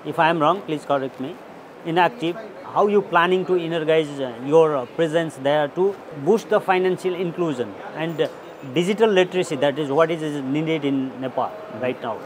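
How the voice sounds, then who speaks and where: A man's voice: a little high, normal speed. A man interviewing, asking direct questions in non-native English. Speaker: interviewer, financial literacy worker. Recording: outdoor recording with crowd noise.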